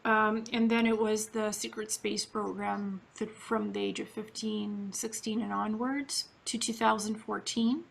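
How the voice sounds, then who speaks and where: A woman's voice: medium pitch, little pitch movement, measured pace, vocal fry, few pauses, breathy edge. A woman from Ukraine interviewing a guest in a casual, earnest, matter-of-fact way.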